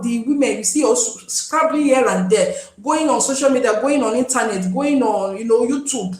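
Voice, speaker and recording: A woman's voice: on the high side, echoey room, poor audio. A Nigerian woman hosting a live stream, chatting casually and pleading with viewers to join. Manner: pleading, chatty, switches into pidgin.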